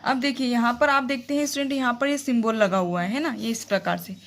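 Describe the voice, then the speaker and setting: A woman with a fairly high voice teaches a Hindi grammar lesson, explaining step by step and checking in with her students. She reads example sentences aloud slowly and expressively.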